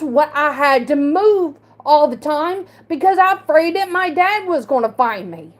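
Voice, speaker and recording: High-pitched woman, slow halting speech. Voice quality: speech impediment. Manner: halting, repeats and restarts words, defensive. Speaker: livestreamer. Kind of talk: emotional livestream monologue.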